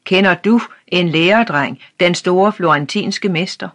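An audiobook reader voicing an irascible, suspicious old male magistrate who shouts in a trembling voice. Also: mid-range voice, lightly acted. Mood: astonished. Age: older. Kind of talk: audiobook character reading.

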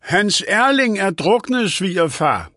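A man voicing a distressed daughter-in-law who speaks slowly and shouts to be heard in an audiobook. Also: sits high, big pitch swings, breathy edge, no echo, studio quality, voice pushed up, exaggerated voice. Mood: urgent.

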